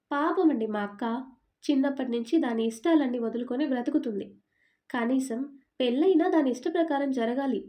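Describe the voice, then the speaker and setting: A woman's voice: sits high, dark tone, natural voice. A woman voicing a stubborn, suspicious young woman who fires off accusing questions.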